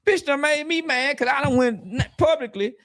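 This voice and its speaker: In a defiant, angry interview rant, a male guest with a notably high voice speaks bluntly and profanely, repeating himself and returning to the same points again and again. He talks at a normal speed, his voice a bit bright, and the recording is dry and close with almost no room sound and no echo.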